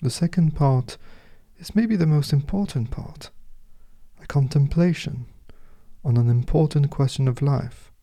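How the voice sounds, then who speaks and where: A man guiding a meditation as host, speaking in a soft, slow, soothing way. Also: on the high side. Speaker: meditation podcast host and guide. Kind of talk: guided meditation narration.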